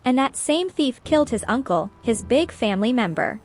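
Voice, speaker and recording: A woman's voice: on the high side, lively intonation, moderate pace, darkish tone. A woman streamer chatting casually while playing a video game. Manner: chatty, musing aloud. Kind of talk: casual gameplay commentary.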